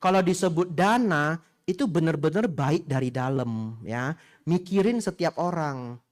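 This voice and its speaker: Speaking a little slowly in an animated voice on the high side, a middle-aged Buddhist monk delivers a funny Dhamma sermon to a congregation in a temple hall. He sprinkles in Hokkien phrases and puts questions to his audience.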